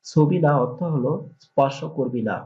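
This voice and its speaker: A man giving a dialect tutorial as a language tutor, saying each phrase twice, slowly and clearly. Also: medium pitch, dark tone. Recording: dull lo-fi recording.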